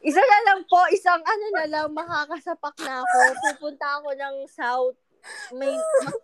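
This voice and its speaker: A woman in casual chat, teasing her friend and reacting quickly with laughter. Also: extremely high pitch, big pitch swings, dry recording. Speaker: co-host.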